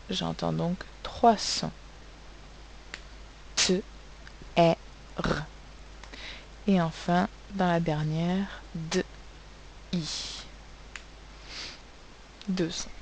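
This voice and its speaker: A woman's voice: mid-range voice, gravelly, darkish tone, a little hiss or hum, low-quality recording. A woman teaching a recorded phonics lesson to young pupils, spelling out sounds letter by letter. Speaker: primary school teacher.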